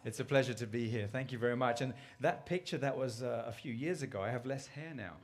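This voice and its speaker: Talking fast in a medium-pitched voice, this British-accented conference guest keeps things informal and conversational. He's middle-aged, from the UK though born in Uganda, and mixes personal stories with questions for his listeners.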